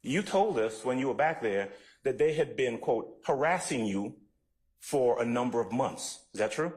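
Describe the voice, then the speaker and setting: A man questioning a witness as a defense attorney in court, putting pointed leading questions in deliberate phrases. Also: mid-range voice, expressive, darkish tone. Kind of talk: courtroom cross-examination. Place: courtroom, indoors. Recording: echoey courtroom sound.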